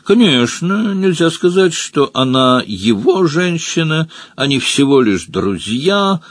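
A man voicing a sly, talkative male otter rogue in an audiobook, with rough, slangy, wheedling speech. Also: fairly low pitch, very animated, measured pace, a little mellow, no room sound, heavily acted. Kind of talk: audiobook character voice.

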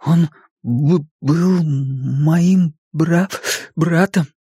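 A quiet, grieving boy with a heavy stutter, as an audiobook narrator puts him on, slow and halting, with a voice raised above a man's. Each word catches and restarts before it gets out. The sound is close and dry. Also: high voice, husky, no room sound, pitched above the performer's own voice, full character voice. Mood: earnest. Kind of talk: audiobook character voice.

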